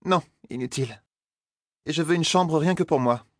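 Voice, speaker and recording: A man's voice: on the high side, normal speed, no room sound, pitched above the performer's own voice, lightly acted. A cool, aloof young lady, voiced by a male narrator, answering tiredly and curtly. His voice is lifted well above its usual depth, in a dry close recording. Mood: weary. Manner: weary, cool and curt. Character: poised, aloof young noblewoman, weary.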